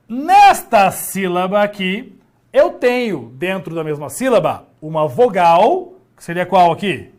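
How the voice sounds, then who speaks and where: A male teacher explains grammar in a lively, animated way. His pitch swings widely as he stretches key words slowly for emphasis. He often asks himself questions and answers them.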